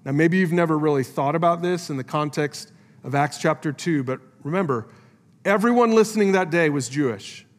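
A man preaching a sermon as pastor, earnest, climbing high for emphasis and dropping low and soft. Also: a little fast. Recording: live church sermon with long hall reverb and faint music.

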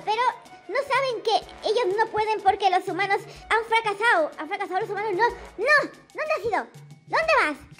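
A woman with a Spain Spanish accent giving excited, chatty gameplay commentary to her viewers. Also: very high voice. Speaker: gaming YouTuber.

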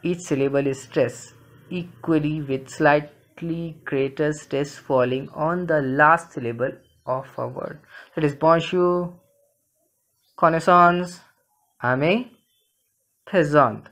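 A male language teacher giving a classroom lesson, slow and deliberate, repeating phrases for learners. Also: a little high, fairly even intonation, fairly bright tone. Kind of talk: classroom lesson, reading a textbook dialogue aloud.

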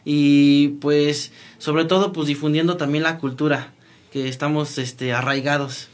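A man in his thirties from Xochimilco with a Mexico City accent, guest on a studio talk show, relaxed and filling his talk with "o sea" and "pues". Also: fairly high pitch, a little slow. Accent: Mexico City Spanish. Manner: relaxed, laughs easily, many fillers "o sea, pues, este". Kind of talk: casual interview talk. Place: small bright TV studio.

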